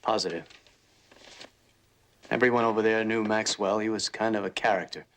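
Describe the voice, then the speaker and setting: Gravelly, matter-of-fact military major. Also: male voice, fairly low pitch, steady tone, normal speed, a bit bright, slight background noise. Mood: measured, certain. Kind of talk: television crime drama acting.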